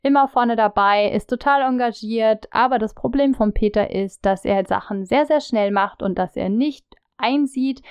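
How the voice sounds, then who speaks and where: A woman's voice: a little high, normal speed, few pauses, smooth, no room sound. A woman explaining a feedback method in a friendly teaching tone, speaking straight to the listener and acting out sample phrases. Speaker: leadership coach.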